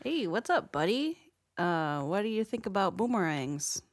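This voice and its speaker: A woman's voice: medium pitch, sing-song, normal speed. A woman co-hosting a comedy podcast in casual, joking conversation. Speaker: podcast co-host. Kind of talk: comic casual banter.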